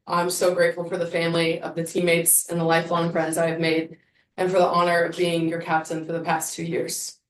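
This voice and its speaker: A swim team captain in her twenties gives a heartfelt farewell speech, struggling to hold back tears. Her voice is lowish, and the recording sounds roomy and distant, with a little hiss or hum.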